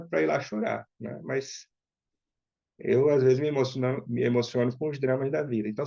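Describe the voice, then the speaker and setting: A man teaching an online workshop in a casual, conversational way, often checking in with quick tag questions. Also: medium pitch, gravelly, a little mellow, dry recording. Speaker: workshop instructor. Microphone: online call mic. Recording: dull, dry lo-fi sound.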